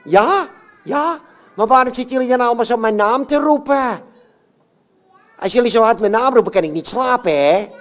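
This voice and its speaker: A woman's voice: a little high, animated, normal speed, voice pushed up, natural voice. A woman voicing a cheeky, boastful male puppet hero in a live children's puppet show, chatting straight to the audience. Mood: puzzled.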